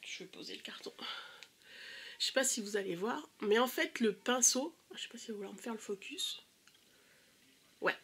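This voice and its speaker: A woman's voice: on the high side, expressive, moderate pace, a bit bright, husky. A young woman with a stuffy nose, chatting casually and eagerly through a makeup haul with many hesitations. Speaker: beauty vlogger.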